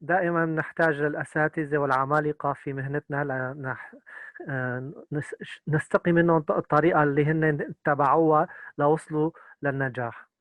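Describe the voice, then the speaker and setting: A man's voice: fairly high pitch, steady tone, very fast, a bit bright, no room sound. A man, interpreting a lecture consecutively and hesitating with many filler sounds.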